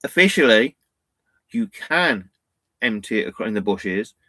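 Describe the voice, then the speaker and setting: A man's voice: on the low side, animated, unhurried, bright, forceful tone, dry recording. A man co-hosting a casual live stream about van life, rambling and laughing as he answers viewer questions. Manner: chatty, rambling, laughs often, says "bloody" and "innit". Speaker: van life channel co-host.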